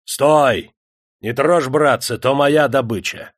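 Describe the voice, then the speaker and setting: A man voicing a stocky rebel leader who speaks in forceful, commanding declarations. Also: mid-range voice, animated, moderate pace, no echo, studio quality, close to an everyday voice.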